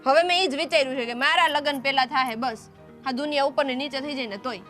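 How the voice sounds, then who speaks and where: A woman's voice: high voice, quick pace, a bit bright, soft background music. A woman playing a defiant younger daughter who argues with her family. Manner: defiant, argumentative. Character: stubborn younger daughter insisting on marrying first. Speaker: younger sister. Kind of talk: family drama acting.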